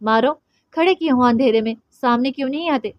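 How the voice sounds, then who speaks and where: Brief: gentle young wife from an audiobook, soft and teasing, high voice, read by a woman, dry close recording. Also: brisk, no room sound, natural voice. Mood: frightened. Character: young wife, gentle, playful, later frightened. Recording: dry, slightly dull audio.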